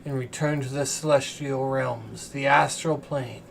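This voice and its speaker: A man voicing a blinded, imprisoned ancient angel in a tabletop role-play, speaking in slow, formal pronouncements. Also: medium pitch, steady tone, creaky. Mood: grave, solemn. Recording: room recording with faint background noise.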